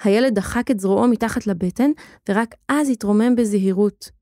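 A woman's voice: medium pitch, warm tone, no room sound, clean studio sound. Woman reading a children's story. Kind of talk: scripted narration of a children's story.

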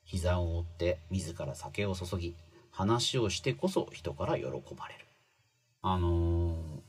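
Lively husky man explaining. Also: on the low side. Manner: chatty, many fillers, stressed phrases. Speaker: commentator explaining a book. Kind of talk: casual spoken explainer.

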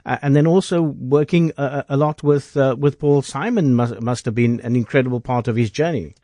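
A man hosting a radio interview, asking long questions in a halting way with fillers and restarts. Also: medium pitch, mellow, no echo, studio quality. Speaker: radio host.

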